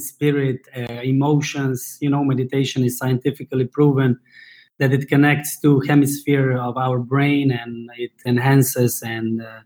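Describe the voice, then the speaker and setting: A man from Slovenia in his thirties, a former table tennis player and coach, talking casually in an interview and often pausing to search for his words. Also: mid-range voice, a little mellow, poor audio. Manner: searching for words, many fillers and restarts, non-native English.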